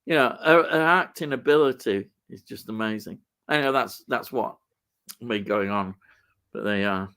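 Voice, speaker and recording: A man's voice: on the low side, moderate pace, pushed and bright, clean tone. An older man with a Yorkshire accent, chatting casually about film and TV in an enthusiastic, rambling way as a show host. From Yorkshire, England.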